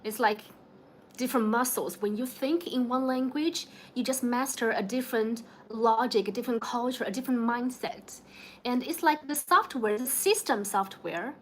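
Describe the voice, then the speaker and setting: In the evening at home, a young Chinese woman with a Chinese accent hosts a livestream, chatting casually with viewers, laughing a lot and greeting people by name. Her voice is fairly high and her pace moderate, with slight background noise.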